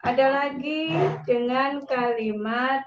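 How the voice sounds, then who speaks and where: A woman's voice: sits high, slow pace, crowd noise. Woman teacher, online lesson, drills pronunciation patiently, echoey and muffled. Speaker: English teacher. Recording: echoey, dull, noisy online recording.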